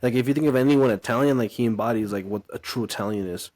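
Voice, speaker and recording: A man's voice: medium pitch, quick pace, a little mellow, no echo. A man co-hosting a casual sports podcast, blunt and teasing, swearing a lot. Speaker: podcast co-host.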